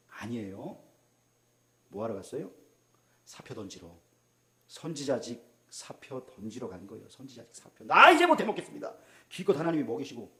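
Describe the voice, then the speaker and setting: Animated male pastor preaching in an echoey church. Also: mid-range voice. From South Korea. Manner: swings from loud exclamations to hushed asides, asks the congregation questions. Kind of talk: sermon. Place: church sanctuary. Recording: roomy echo of a church hall.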